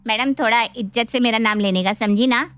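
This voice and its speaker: A woman's voice: on the high side, a little fast, fairly bright tone, smooth, faint music behind, natural voice. A woman voicing a brash, touchy housemaid with speech who demands respect, in a cartoon story. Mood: indignant. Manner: blunt, streetwise, bossy. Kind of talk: cartoon voice acting.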